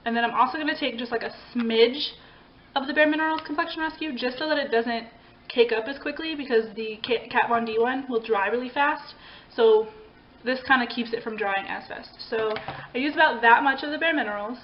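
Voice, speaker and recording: Young woman beauty vlogger, raised pitch, chatty and meandering, slightly muffled home recording with light hiss. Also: brisk. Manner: chatty, rambling, frequent ums and self-corrections. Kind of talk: casual makeup tutorial chat.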